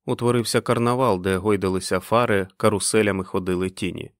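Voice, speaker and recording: A man reading a novel aloud as audiobook narration, with expressive storytelling. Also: fairly low pitch, fast talker, dry recording, clean studio sound.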